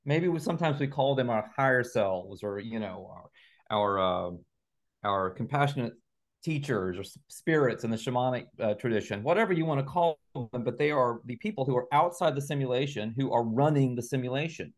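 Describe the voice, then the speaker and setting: This interview guest, a researcher and author on a video call, talks fairly quickly in a medium-pitched voice with lively intonation. He works through his ideas methodically, one step at a time.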